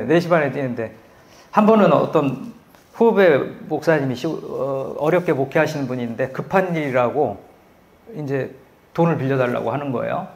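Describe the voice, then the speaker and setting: A middle-aged man preaching a sermon, telling stories with animated, loud quoted voices. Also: fairly high pitch, vocal fry. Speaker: pastor.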